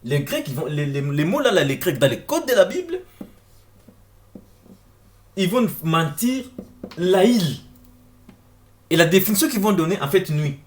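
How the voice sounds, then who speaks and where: A man's voice: high-pitched, big pitch swings, a little slow, pauses often, slight background noise. A man giving an informal explanatory video talk, addressing viewers directly with questions and often repeating words as he searches for them. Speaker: presenter of an online video lecture. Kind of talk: informal explanatory talk over on-screen text.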